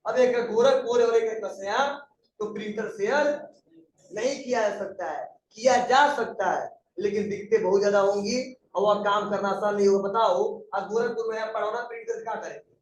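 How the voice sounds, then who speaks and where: A man's voice: sits high, a little fast, far from the mic, a little hiss or hum. A man teaching a computer class in a conversational lecture style, often asking the students questions. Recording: echoey room, voice from afar.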